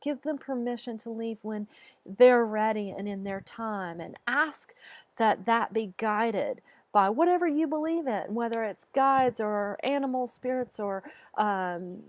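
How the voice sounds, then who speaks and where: A woman talking slowly and haltingly about the loss of her pet, teary at times. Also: on the high side, no room sound, lo-fi sound. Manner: slow, halting, searching for words. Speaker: animal communicator. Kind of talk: personal talk to camera.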